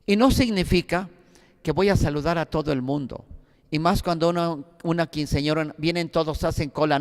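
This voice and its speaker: Sacerdote mexicano dando clase bíblica, voz algo aguda y rasposa, tono exhortativo, sala con eco largo. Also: male voice, fairly high pitch, darkish tone, in a large hall. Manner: earnest, exhortative, anecdotal. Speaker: priest teaching a Bible course. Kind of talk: Bible class lecture.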